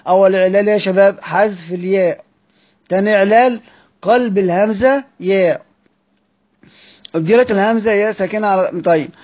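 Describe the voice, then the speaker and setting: A man's voice: sits high, a little mellow. A man with an Egyptian accent teaching Quranic recitation, reading a text aloud and explaining it, repeating phrases and quizzing his listeners. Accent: Egyptian Arabic.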